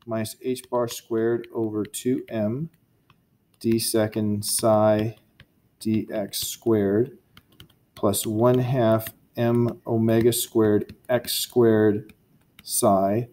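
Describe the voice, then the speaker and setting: In a lowish, mellow voice, a university physics lecturer steps through equations one at a time, correcting himself as he thinks aloud. He tosses casual remarks to students throughout this lecture recording.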